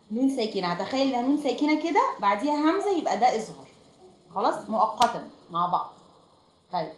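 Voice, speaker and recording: A woman with an Egyptian accent teaching a recitation lesson over online voice chat, explaining step by step and often checking with her students. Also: a little high. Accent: Egyptian Arabic. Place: room at home. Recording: echoey room, faint noise.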